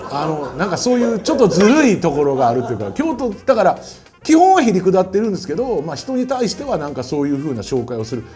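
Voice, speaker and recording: A man's voice: high-pitched, quick pace, faint music behind. A man in his forties from Kyoto with a Kyoto Kansai accent, explaining in a casual lecture with many hesitant fillers. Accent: Kyoto Kansai dialect. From Kyoto, Japan. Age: 40s. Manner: hesitant, many fillers, animated voicing of quoted people. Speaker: guest lecturer.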